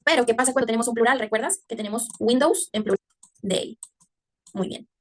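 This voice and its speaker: Woman English teacher, quick delivery, fairly high voice, asks "ok?" often. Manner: explanatory, checks understanding with frequent "ok?"; slows down to exaggerate English pronunciation. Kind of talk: online English class taught in Spanish.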